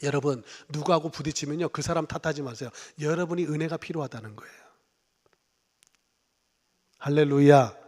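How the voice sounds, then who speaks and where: A man in his fifties preaches a Sunday sermon with a fairly high voice. He talks to the congregation in a chatty, joking way and punches key words loudly. The long reverb of a church hall hangs around every phrase. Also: quick pace, few pauses. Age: 50s. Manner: conversational and humorous, with sudden loud emphasis and acted quotes. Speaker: pastor. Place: church sanctuary.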